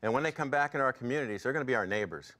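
This interview testimony comes from a man in his sixties, a ministry board member visiting an indoor TV studio as a guest. He tells his story plainly and fervently in a mid-range, bright voice, speaking animatedly, very quickly and with force.

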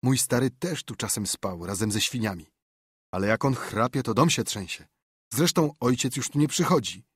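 A scared, superstitious young boy, as a male narrator voices him, talking in hushed, fearful tones. The voice is slightly husky. It sounds close and dry. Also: medium pitch, animated, normal speed, dry recording.

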